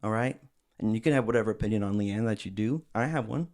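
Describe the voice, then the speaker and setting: A young adult man hosting a solo commentary podcast, animated and sarcastic, slipping into mocking impressions. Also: on the low side, quick pace. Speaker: host.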